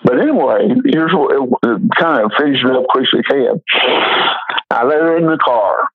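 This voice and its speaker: Husky older man on a phone line. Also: mid-range voice, normal speed, no echo. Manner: folksy, rambling anecdotes with frequent fillers. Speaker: retired pastor and memoir author. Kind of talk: storytelling in an interview.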